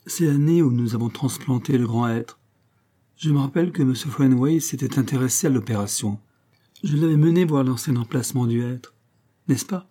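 A man reading a polite, evasive spinster lady of the house in an audiobook, lifting his voice into bright, chatty, formal talk. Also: mid-range voice, slightly rough.

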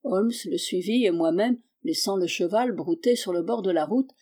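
Mellow-voiced woman narrating. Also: medium pitch, normal speed. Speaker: audiobook narrator. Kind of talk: scripted narration.

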